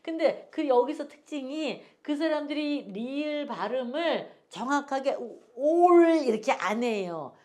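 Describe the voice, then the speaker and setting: A woman's voice: fairly high pitch, darkish tone. An older woman teaching an English phonics lesson, patiently repeating each word for learners to echo and drifting into homely stories.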